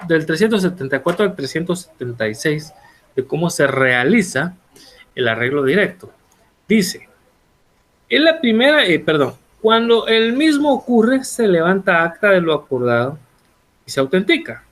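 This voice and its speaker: A man teaching a law class in a relaxed, conversational way, asking rhetorical questions and correcting himself as he goes. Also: fairly high pitch, normal speed. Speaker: law lecturer. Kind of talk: online law class lecture.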